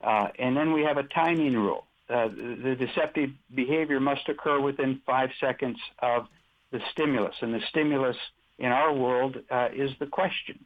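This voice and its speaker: A male expert guest on an interview talk show, explaining his methods step by step and often restarting his sentences. His voice sits at a middle pitch. He comes through a thin, tinny phone line. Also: moderate pace. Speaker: guest, deception-detection expert. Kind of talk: conversational interview.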